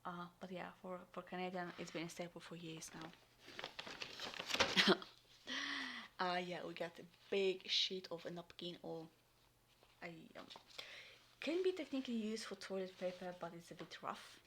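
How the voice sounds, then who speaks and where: A woman vlogger unboxing and reviewing a military ration in casual talk, full of ums and sometimes dropping into a soft whisper. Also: fairly low pitch, moderate pace, pauses often, background noise. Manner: chatty, frequent ums, drops into soft whispers. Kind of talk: casual unboxing and taste test.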